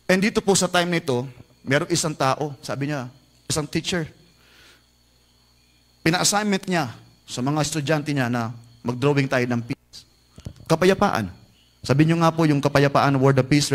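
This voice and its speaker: A man preaching a sermon as pastor, with a Filipino accent, switching between Tagalog and English and rising to loud exhortation. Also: mid-range voice, moderate pace, long pauses. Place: church.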